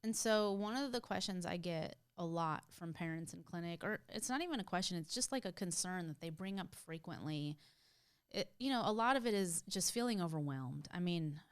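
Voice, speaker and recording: Smooth-voiced emphatic woman clinician. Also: on the low side, no room sound, studio quality. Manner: emphatic, lively, advice-giving. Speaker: clinician and podcast co-host. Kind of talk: casual conversational podcast chat.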